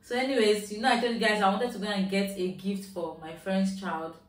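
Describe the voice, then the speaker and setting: A Nigerian woman with a Yoruba accent chats through a shopping haul vlog at home, mixing in Nigerian Pidgin phrases. Her medium-pitched voice is brisk with fairly even intonation. She's recorded indoors in an echoey room, with the mic at a distance.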